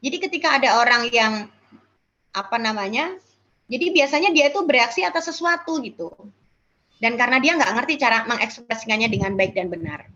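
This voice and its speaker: Woman speaker, fairly high voice, casual parenting talk, muffled recording. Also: animated, a little fast, sharp tone. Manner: casual explanatory, acts out children's voices. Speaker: child psychologist speaker. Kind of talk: parenting talk answering questions.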